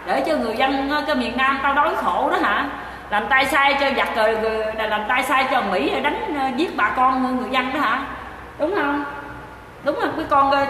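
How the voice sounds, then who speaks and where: A woman's voice: high voice, bright, forceful tone. A woman with a Southern Vietnamese accent, hosting a livestream in which she rants heatedly and repeats insults while addressing her viewers. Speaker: livestream host. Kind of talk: angry livestream rant. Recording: echoey hall from far off, noisy.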